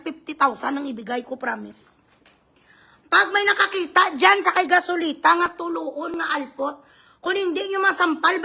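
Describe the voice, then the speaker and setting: Woman, high and sharp-edged, doing a furious, profane livestream rant with bursts of shouting. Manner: profane, insulting tirade, at times shouting.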